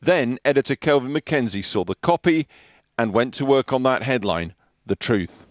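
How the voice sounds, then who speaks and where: A man's voice: medium pitch, lively intonation, normal speed, dry recording, studio quality. A man reading scripted narration as a television news reporter.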